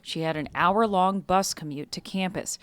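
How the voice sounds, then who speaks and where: A woman's voice: fairly low pitch, moderate pace, a bit bright, a little hiss or hum. A woman reporter reading scripted narration for an investigative news exposé.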